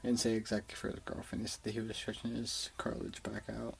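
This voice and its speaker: A man's voice: fairly low pitch, completely flat delivery, quick pace, vocal fry, a little hiss or hum, poor audio. A young man rambling through a personal story in a casual vlog, swearing often and using lots of fillers. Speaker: vlogger.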